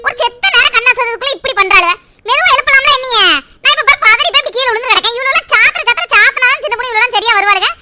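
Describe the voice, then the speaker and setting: Woman voicing a shrill scolding village mother. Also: a little fast, very noisy. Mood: angry. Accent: Tirunelveli Tamil. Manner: shouting, scolding. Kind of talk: cartoon voice acting.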